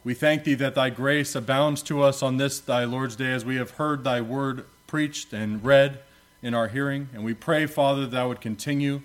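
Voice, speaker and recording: A man leading prayer and reading scripture from a pulpit microphone in a church, in a solemn, measured way with archaic biblical wording. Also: medium pitch, steady tone. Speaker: preacher.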